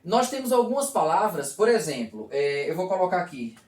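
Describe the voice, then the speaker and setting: A man teaching a video lesson, with a lively voice that rises and falls as he walks through each step. He often asks a question and then answers it himself. The sound is roomy and echoey, caught from some distance away. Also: high voice, normal speed. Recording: echoey room, voice from far off.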